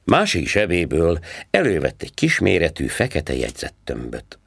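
A man reading a story aloud in a calm, low, unhurried way. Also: creaky, slightly rough, dry recording, studio quality. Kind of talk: audiobook narration.

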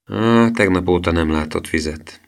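Storybook boy, earnest and polite, pitched well up, voiced by a male narrator. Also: very animated, a bit bright. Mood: sad. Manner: earnest, courteous. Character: eager polite young boy.

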